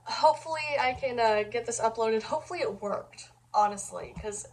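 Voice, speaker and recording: A woman's voice: on the high side, normal speed, low-quality recording. Chatty, rambling young woman vlogger. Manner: rambling, easily distracted, laughs often. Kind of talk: casual chat to camera.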